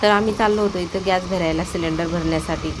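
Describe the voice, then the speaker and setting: A woman's voice: on the low side, steady tone, quick pace. A woman vlogger narrating in a chatty, folksy way while filming outdoors by a road on her phone. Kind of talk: casual vlog narration. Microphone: phone camera. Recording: loud traffic noise outdoors. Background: passing vehicles and rain.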